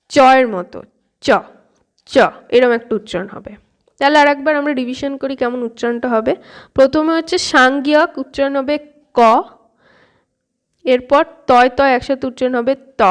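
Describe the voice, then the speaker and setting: High-voiced woman patiently teaching pronunciation. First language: Bengali. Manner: patient, repeats sounds slowly, asks "okay?" often. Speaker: Korean language teacher. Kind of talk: casual spoken lesson.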